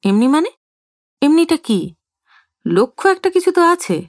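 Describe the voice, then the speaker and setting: A woman's voice: sits high, sing-song, measured pace, no room sound, studio quality, voice pushed up. A woman doing a scolding older wife. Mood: suspicious. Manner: scolding, indignant.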